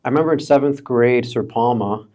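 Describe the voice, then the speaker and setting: A man in his early thirties from the Chicago area, telling stories as a podcast guest in a relaxed, casual way, peppered with bro and dude. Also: medium pitch, a little fast. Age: 30s. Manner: laid-back, calls friends bro and dude. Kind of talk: casual storytelling chat.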